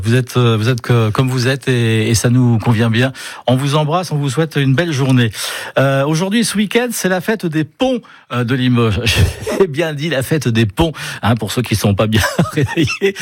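A man's voice: medium pitch, animated, moderate pace, dry recording. A man hosting a local radio morning show, chatting casually with many fillers and light jokes. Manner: chatty, filler-heavy, laughs at own jokes. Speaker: radio host.

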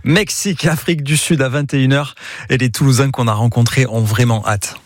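A man giving a local news report on the radio in a lively, chatty way. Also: medium pitch, fairly quick, dry recording, clean studio sound.

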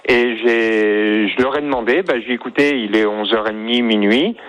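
A man's voice: medium pitch, normal speed, fairly bright tone, highs cut off. A plain-spoken man from France chatting as a radio contestant, telling a story a bit hesitantly. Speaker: game show contestant. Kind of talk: casual chat, telling an anecdote.

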